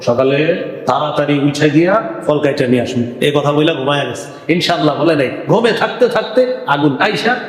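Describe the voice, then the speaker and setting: A fairly high-voiced man preaching a waz sermon in a large hall, its echo hanging long after each phrase. He chants Arabic verses, then explains them in everyday speech, acting out the people in the story. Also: expressive, moderate pace. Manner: acts out the people in the story, whispering and urging. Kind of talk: Bangla waz sermon with Quranic recitation. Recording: echoey hall with long reverb.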